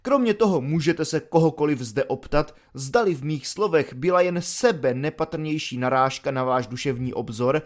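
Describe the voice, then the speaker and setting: A man doing a sardonic, educated young volunteer who mocks his superior with long, ironic speeches. His tone is soothing on the surface, and he speaks fairly quietly in the narrator's own voice. He is a figure from a storybook reading. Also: fairly high pitch, expressive, few pauses, natural voice. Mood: mocking. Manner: mock-soothing, wordy, ironic lecturing.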